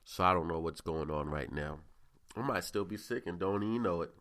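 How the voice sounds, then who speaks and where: A man in his twenties hosts a casual solo podcast, congested and sniffling as he chats loosely and wanders into rambling asides. His voice is low-pitched, brisk, and fairly bright in tone.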